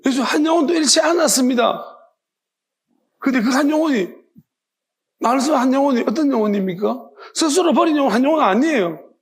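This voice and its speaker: A man's voice: very high voice, fairly quick. A male pastor, preaching an evening sermon with emphatic rhetorical questions. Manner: emphatic, rhetorical questions, acts out imagined voices.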